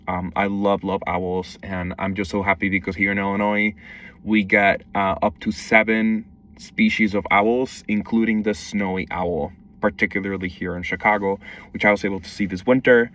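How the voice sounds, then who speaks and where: In a relaxed monologue introducing himself, the young Mexican conservation educator speaks at a moderate pace in a fairly low, slightly bright voice with little pitch movement. The mic sits at a distance.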